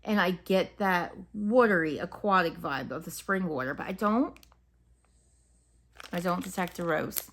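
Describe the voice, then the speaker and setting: A woman's voice: on the low side, measured pace, a bit bright. A woman casually reviewing wax melts, chatting and musing aloud as she describes each scent. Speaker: home fragrance reviewer. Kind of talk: casual unscripted product review.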